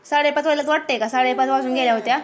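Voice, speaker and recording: Rapid-fire and high-pitched yet steady in tone, this young vlogger casually narrates a garden outing with her family. She keeps up a chatty flow, pausing now and then to scold her children.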